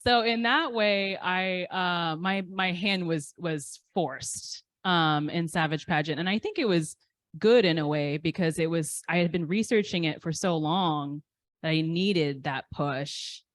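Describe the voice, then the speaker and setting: A poet in her thirties, appearing as a guest, answers interview questions in a relaxed, candid and self-deprecating way, often pausing with ums. She has a low voice, recorded close and dry without any room echo.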